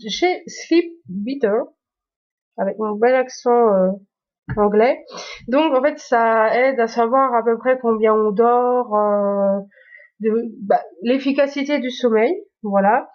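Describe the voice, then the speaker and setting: A woman's voice: fairly high pitch, slow, muffled recording. A woman chatting casually through the apps on her phone, hesitant with many fillers and restarts. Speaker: YouTuber. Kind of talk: casual phone tour vlog.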